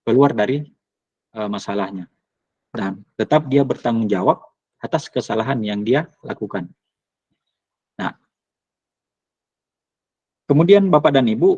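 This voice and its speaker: A man presenting to teachers, speaking hesitantly with many pauses and fillers. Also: medium pitch, darkish tone, slightly rough, no echo. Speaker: teacher trainer. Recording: dull lo-fi recording.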